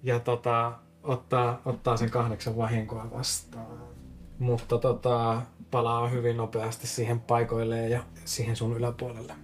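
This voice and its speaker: A man narrating as game master of a tabletop role-playing game, often laughing and filling pauses as he describes the action. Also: mid-range voice, completely flat delivery.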